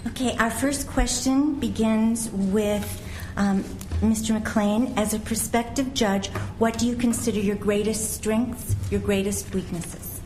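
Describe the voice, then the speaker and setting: A woman's voice: medium pitch, fairly even intonation, unhurried, mellow. An American woman moderating a forum, formally introducing speakers and reading out questions. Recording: echoey room, background noise.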